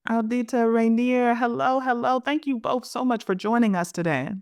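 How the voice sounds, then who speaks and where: A woman hosting a podcast, reading scripted introductions and then asking interview questions in a measured way. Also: on the high side, a little mellow, no room sound. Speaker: podcast host.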